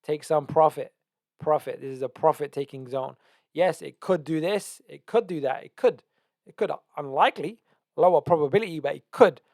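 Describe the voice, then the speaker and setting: A man's voice: fairly high pitch, normal speed, gravelly, darkish tone, dry recording, clean studio sound. A man teaching trading, walking through a chart analysis with emphatic repetition and frequent "right?" checks. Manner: emphatic, repeats key words, asks "right?". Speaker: trading educator. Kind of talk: screen-share market analysis.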